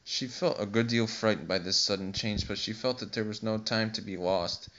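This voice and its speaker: A man narrating an audiobook in a steady, plain reading voice with occasional slips. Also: on the low side, normal speed. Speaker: audiobook reader. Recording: dull lo-fi recording.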